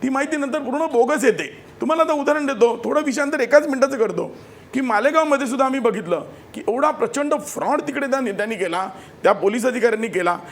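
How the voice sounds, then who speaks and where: A man's voice: extremely high pitch, animated, fast talker. A man, a lawyer on a TV news panel, arguing combatively and talking over the other guests. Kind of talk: heated TV panel debate.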